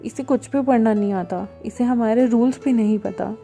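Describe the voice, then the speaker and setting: A sulky little boy, put on by a woman storyteller, snapping petulant retorts in a very mellow, soft-edged tone. He pouts and argues, jealous and sharp-tongued, over faint background music. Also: fairly high pitch, moderate pace, gravelly. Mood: pouty.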